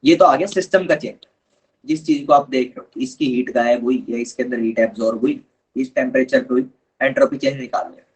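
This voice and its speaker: A man's voice: mid-range voice, brisk, breathy edge, low-quality recording. A man teaching a live online chemistry lesson, patiently explaining step by step and calling his students kids.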